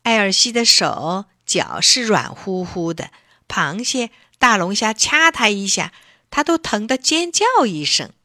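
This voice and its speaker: A woman reading a children's story aloud in a gentle, expressive way. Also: mid-range voice, unhurried, dry recording, clean studio sound.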